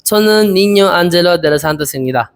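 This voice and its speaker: A young man in his twenties from the Philippines, practicing Korean interview answers aloud, hesitant and repeating each phrase slowly. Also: sits high, lively intonation. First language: Filipino. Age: 20s. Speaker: Korean language learner.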